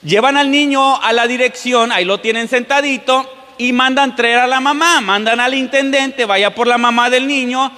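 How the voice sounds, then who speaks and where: Male pastor, sermon, questions to the congregation, sharp bright tone, long hall reverb. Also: very high voice, moderate pace, few pauses. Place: church.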